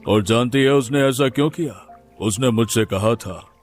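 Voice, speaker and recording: A man voicing a kindly, wise neighbour uncle in an animated story, gentle and consoling. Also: mid-range voice, moderate pace, soft background music, natural voice. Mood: earnest. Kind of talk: Hindi cartoon voice acting.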